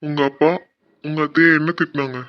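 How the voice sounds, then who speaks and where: A woman's voice: low voice, flat delivery, brisk, lo-fi sound, natural voice. A woman voicing a level-headed young male college friend who reasons and soothes. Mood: earnest.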